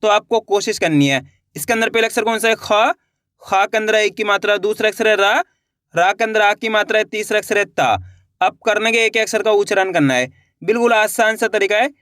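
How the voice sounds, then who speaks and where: A man's voice: sits high, a bit bright, no echo, studio quality. A man teaching Hindi reading, stretching out each syllable carefully and encouraging viewers as friends. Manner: drawn-out, careful letter-by-letter pronunciation. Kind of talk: slow syllable-by-syllable reading lesson.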